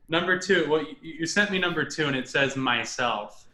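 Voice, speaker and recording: Bright-voiced joking man, echoey room. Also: a little high, expressive, normal speed. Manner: joking, laughs often. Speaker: podcast guest. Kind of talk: casual sports podcast banter.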